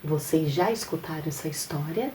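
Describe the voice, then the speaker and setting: A woman storyteller reading a picture story to young children, coaxing and lively, talking straight to them. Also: deep voice, moderate pace, slight background noise.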